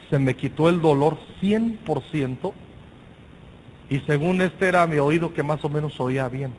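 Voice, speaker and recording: A man with a Mexican accent preaching a sermon, telling a personal story with lively shouted exclamations and casual slang. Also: on the high side, a little hiss or hum, rough recording. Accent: Mexican Spanish.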